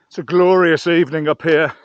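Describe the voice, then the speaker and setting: A gear-reviewing vlogger hikes a mountain trail, chatting and rambling casually to the camera. His voice is fairly high with fairly even intonation and a fairly quick pace, recorded lo-fi with no echo.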